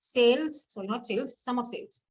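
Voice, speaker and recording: A woman's voice: on the high side, extremely slow, poor audio. A woman teaching SQL in a screen-recorded lesson, mixing Hindi and English and quizzing her students as she types queries. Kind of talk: live coding lesson.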